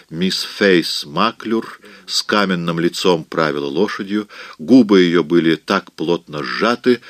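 A man narrating an audiobook in an expressive, dramatic reading. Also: deep voice, no echo.

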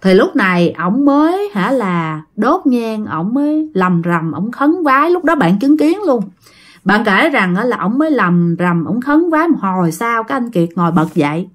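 A woman's voice: on the high side, big pitch swings, normal speed. A woman, telling a ghost story in a chatty way and speaking straight to her listeners. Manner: chatty, addresses listeners directly.

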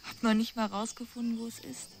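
A woman's voice: on the high side, level tone, a little fast, creaky, a little hiss or hum. Teasing young woman. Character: young woman out to see a forest fire. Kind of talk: radio drama acting.

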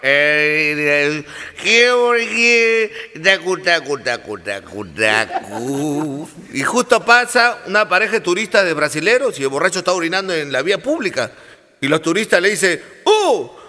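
A man telling jokes on the radio, animated and laughing at his own punchlines. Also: high-pitched, normal speed. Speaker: radio comedian. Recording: long hall reverb.

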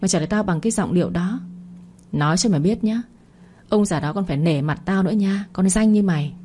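A woman reading a spiteful young woman who taunts and mocks in quick, sharp jabs. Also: medium pitch, a little hiss or hum, close to an everyday voice. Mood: sneering. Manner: mocking, taunting, rapid-fire.

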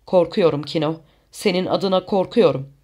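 Narrator playing a cautious older brother man, measured warnings, audiobook. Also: mid-range voice, mellow, husky, natural voice. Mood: worried. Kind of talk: audiobook character voice.

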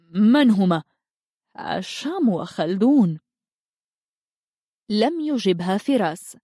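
A woman narrating a dramatic story in a steady audiobook style. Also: medium pitch, no echo, clean studio sound.

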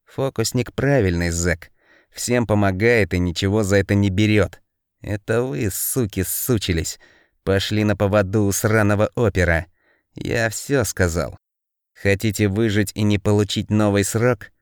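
A man voicing a low, menacing convict enforcer. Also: unhurried, clear, resonant tone, dry recording, clean studio sound, close to an everyday voice.

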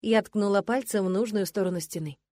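A woman's voice: medium pitch, brisk, a little mellow, dry recording. A woman narrating a novel in the first person as an audiobook reader.

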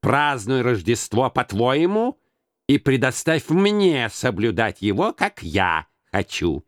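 Voicing a grumpy, stingy old miser in a dry audiobook reading, a man sounds scornful, curt, and snappish. He speaks slowly at a medium pitch in a sing-song way, with no room sound.

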